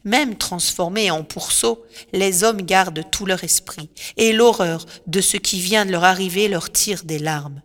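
A woman reading a storybook aloud in scripted narration, clear and expressive, in a reverberant recording with faint music behind. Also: lowish voice, unhurried.

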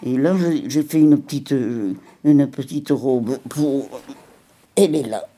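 A woman's voice: extremely low pitch, a little slow, dark tone, a little hiss or hum. An older woman reminiscing at home in a rambling interview, often repeating words and sighing.

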